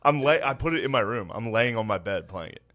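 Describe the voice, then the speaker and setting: A man's voice: mid-range voice, lively intonation, a little fast, a bit bright. A man hosting a podcast, telling stories in a casual, profane way and laughing often. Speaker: podcast host.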